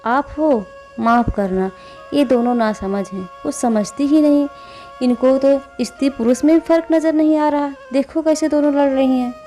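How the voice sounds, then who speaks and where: A woman's voice: high voice, normal speed, mellow, faint music behind, voice pushed up, lightly acted. A woman doing a bossy, scolding old father-in-law. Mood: reprimanding. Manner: reprimanding, raised voice.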